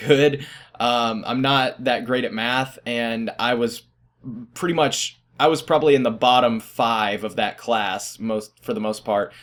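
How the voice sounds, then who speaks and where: A man's voice: medium pitch, a bit bright. A teenage boy casually telling stories about his school days, rambling and self-deprecating, often laughing at himself. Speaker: vlogger. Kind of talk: casual storytelling.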